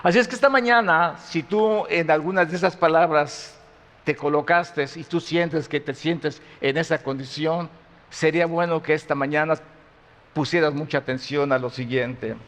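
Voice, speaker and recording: A male pastor preaching a sermon, moving between loud emphasis and quiet intensity. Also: on the high side, normal speed, long reverb tail.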